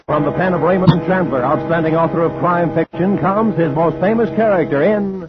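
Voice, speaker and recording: A man announces the show in a formal, declaiming way, a touch high. The old radio recording is dull. Loud music plays beneath him. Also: brisk.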